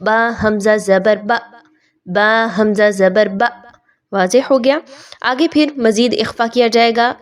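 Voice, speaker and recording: A woman with a fairly high voice teaches tajweed, patiently explaining each rule of Quran recitation. She then recites the words slowly and in a drawn-out way, repeating them several times.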